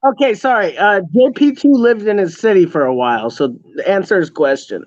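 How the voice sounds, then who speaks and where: Excitable man hosting a stream, very lively pitch, dull call-quality audio. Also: moderate pace, dry recording. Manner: excitable, laughs easily. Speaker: stream host. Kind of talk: casual online chat.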